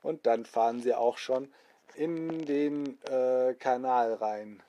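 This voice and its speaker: Slow man telling a bedtime story. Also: medium pitch, warm tone. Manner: hesitant, with fillers and sound effects. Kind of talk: improvised children's bedtime story.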